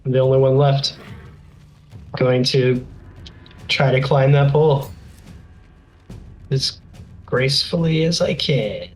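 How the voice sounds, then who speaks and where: A man's voice: mid-range voice, takes it slowly, pauses often. A man playing a tabletop game, easygoing in how he describes his moves. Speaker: player.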